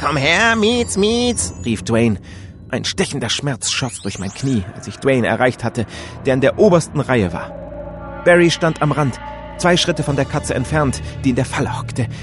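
A man reading a first-person story aloud in a dramatic, animated way, switching into voices for the characters. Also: medium pitch, moderate pace, music in the background. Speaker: audiobook reader.

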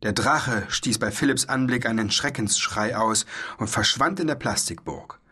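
A man reads a children's story aloud at a measured, expressive pace. His voice is bright and a little husky. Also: fairly low pitch. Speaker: audiobook narrator.

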